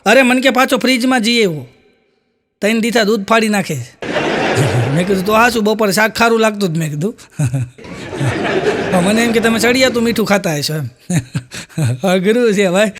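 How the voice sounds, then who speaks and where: Comic guy, really high voice, tells jokes and does the other people's lines. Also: fairly quick, long pauses, heavy background noise. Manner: storytelling, acting out characters' lines in higher voices. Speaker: stand-up comedian. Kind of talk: stand-up joke telling.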